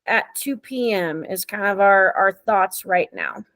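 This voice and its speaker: A woman running an online meeting in a casual, friendly way, pausing often with ums, heard over a video call. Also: mid-range voice, no echo. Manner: friendly, relaxed, with frequent ums. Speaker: meeting facilitator.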